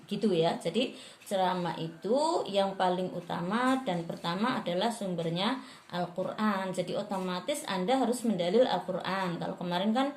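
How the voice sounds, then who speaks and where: A woman's voice: lowish voice, reverberant. A woman lecturer in rhetoric, giving a class on preparing sermons and modeling intonation aloud.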